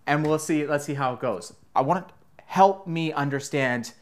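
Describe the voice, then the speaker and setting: A man's voice: fairly high pitch, normal speed. A man hosting a casual interview show, talking in a loose, rambling way with jokes and the odd swear word. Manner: loose, rambling, joking, swears now and then. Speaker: podcast host.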